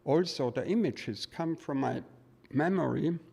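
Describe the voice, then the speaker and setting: A man with a gravelly, creaky voice gives an informal guest lecture as an artist. He talks in a reflective, loosely rambling way. His voice rings out with the long reverb of a large hall. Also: fairly high pitch, unhurried, a little mellow.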